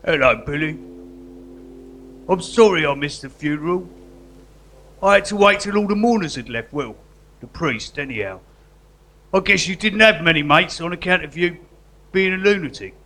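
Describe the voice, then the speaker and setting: A man's voice: on the high side, normal speed, pauses often, pushed and bright, rough recording. A man playing an earnest, sentimental working-class crook and artist with a south-east English accent in a live stage drama. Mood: subdued, mournful. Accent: south-east England. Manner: colloquial, earnest.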